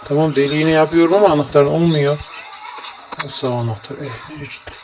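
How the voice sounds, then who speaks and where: A man's voice: a little high, a little fast, noisy background. A man commentating his gameplay casually, grumbling and muttering to himself and his viewers. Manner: grumbling, talks to the game and viewers, mutters oaths. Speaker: gameplay streamer. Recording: game music playing behind.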